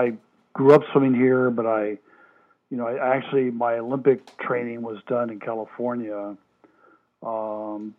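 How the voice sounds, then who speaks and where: An older man from Hawaii, a former Olympic swimmer, answering oral history questions over the phone, hesitant with many fillers and restarts. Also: medium pitch. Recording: tinny phone line.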